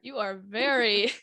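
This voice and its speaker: A woman's voice: a little high, pushed and bright, slight background noise. A young woman co-hosting a podcast, chatting casually and laughing often between sentences. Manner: giggly, laughs often while talking. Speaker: podcast co-host. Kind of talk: casual chat.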